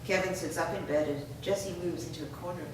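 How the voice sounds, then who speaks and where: A woman with a low, steady voice reads a screenplay's scene directions aloud quickly and matter-of-factly, as in a staged reading. She's recorded from a distance in an echoey room, with some background noise.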